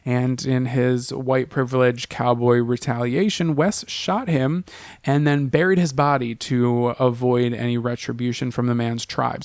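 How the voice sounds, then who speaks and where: A man's voice: mid-range voice, no echo, clean studio sound. Profane, rambling podcast storyteller man. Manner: profane, rambling, full of 'like' and 'uh'. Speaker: podcast co-host. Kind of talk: casual comedic history storytelling.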